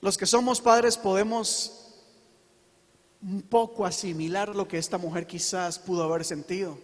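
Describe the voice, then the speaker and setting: A man preaching a sermon to his congregation, earnest and emphatic, with slow dramatic pauses. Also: sits high, steady tone, in a large hall. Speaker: pastor.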